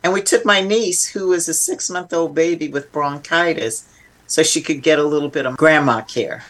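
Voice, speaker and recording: An older interview guest with a low voice talks thoughtfully and conversationally. Her reflections are emphatic, marked by halting restarts.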